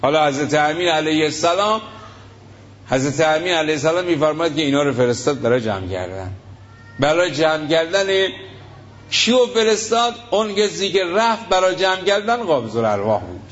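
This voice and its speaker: A man's voice: a little high, lively intonation, a bit bright. A man preaching a sermon, emphatic, asking rhetorical questions and retelling stories with acted quotes. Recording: lo-fi muffled recording.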